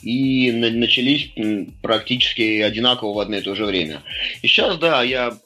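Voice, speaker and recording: Middle-aged male interview guest. Bright, forward voice, halting conversational explanations, faint music underneath. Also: mid-range voice. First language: Russian. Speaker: interview guest, firefighter-rescuer and CrossFit coach. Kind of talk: casual interview talk.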